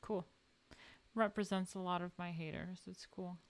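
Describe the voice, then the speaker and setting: A host with a New York accent reads from an art history book to a live audience, stepping away now and then for dry personal comments. Her voice is fairly low and steady, at a moderate pace. It's a relaxed livestream mixing reading and commentary.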